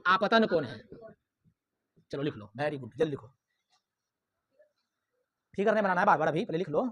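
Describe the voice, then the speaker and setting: A male classroom teacher, teaching physics to his students. He speaks loudly and drills the lesson hard. He keeps firing questions at the class and then answers them himself. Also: fairly high pitch, animated, moderate pace, breathy edge.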